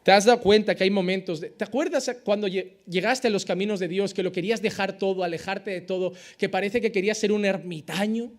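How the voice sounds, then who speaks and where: A man preaching a sermon as pastor, swinging between loud emphatic rises and quiet drops, with rhetorical questions and acted-out exchanges. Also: sits high, fairly even intonation, fairly quick, few pauses.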